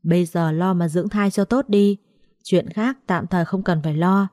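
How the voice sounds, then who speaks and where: A woman voicing an older, strict matriarch who speaks curtly and flatly. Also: lowish voice, moderate pace, no echo, clean studio sound, close to an everyday voice. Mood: softened. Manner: flat, curt.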